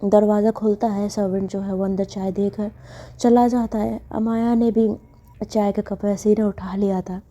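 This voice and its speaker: A woman's voice: medium pitch, mellow. A woman telling a story in a casual, chatty narration with many filler phrases. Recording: dull lo-fi with faint music.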